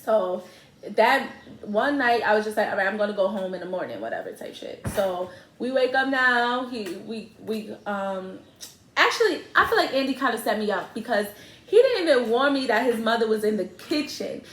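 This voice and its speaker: A woman's voice: fairly high pitch, sing-song, moderate pace, fairly bright tone, a little hiss or hum. A young woman, casually and animatedly telling a story to her viewers, laughing and using slang. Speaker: vlogger, co-host with partner. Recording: echoey room.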